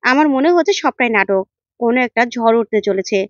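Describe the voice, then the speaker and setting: A woman voicing a sharp young woman investigator who questions and scolds sternly, in a dull, dry recording. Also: on the high side, animated, a little fast, no room sound, natural voice.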